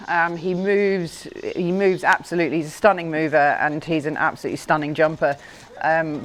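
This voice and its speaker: A middle-aged woman who grew up in Scotland, an event horse rider speaking in a filmed interview, relaxed and thoughtful, with many pauses and fillers. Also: on the low side, slight background noise. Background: faint music.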